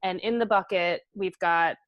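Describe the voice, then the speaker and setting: A woman's voice: lowish voice, normal speed, dry recording, highs cut off. Earnest woman guest, dry close sound. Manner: earnest, frequent fillers like "um" and "like". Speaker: interview guest, practitioner. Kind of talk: casual interview conversation.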